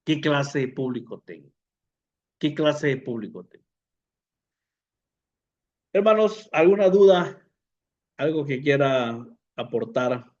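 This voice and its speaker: A man teaching a public speaking class to pastors, unhurried, often repeating words and putting questions to the listeners. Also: mid-range voice, lively intonation, a little mellow, dull audio. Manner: unhurried, repeats words, fillers, asks the audience. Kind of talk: lecture to pastors.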